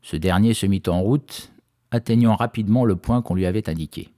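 Male storyteller, warm dark tone, expressive, measured fairy-tale narration. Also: fairly low pitch.

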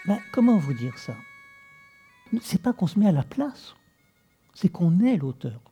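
A translator being interviewed, explaining his work in a thoughtful, measured way with a husky voice. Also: high voice, big pitch swings, dark tone, muffled recording, faint music behind.

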